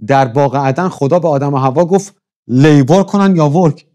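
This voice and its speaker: A man's voice: fairly high pitch, mellow. A man teaching a church class in a conversational lecture, often stopping to ask his listeners questions and checking how he pronounces foreign words. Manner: conversational, keeps asking the audience questions.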